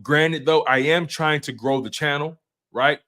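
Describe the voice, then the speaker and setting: A man in his twenties hosts a sports live stream, casually talking with viewers in slang and often repeating or restarting what he says. His voice leans high and his pace is a little slow.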